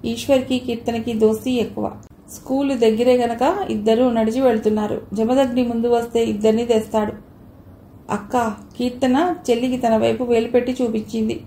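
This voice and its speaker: Narrator: woman, mellow calm storytelling, roomy echo, faint hiss. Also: a little high, a little fast. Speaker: audio novel narrator. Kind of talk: scripted narration.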